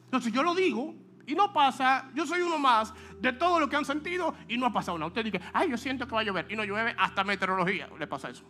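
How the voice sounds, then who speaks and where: A man preaching a sermon as pastor, animated, with joking asides to the congregation, acting out quoted speech. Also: extremely high pitch, fast.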